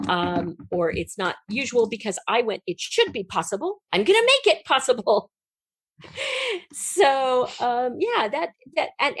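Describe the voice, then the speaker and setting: This woman, an audio drama writer appearing as an interview guest, tells stories in a rambling, colloquial, conversational way. Her voice is lowish and gravelly, with no echo.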